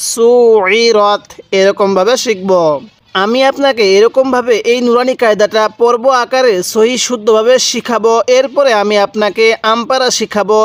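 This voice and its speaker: A man teaches beginners to read the Quran, his high voice spelling out syllables one at a time. He repeats each sound patiently and checks in with questions. The recording is close and dry, with no room sound. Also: no room sound. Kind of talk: spelling-out lesson for learners.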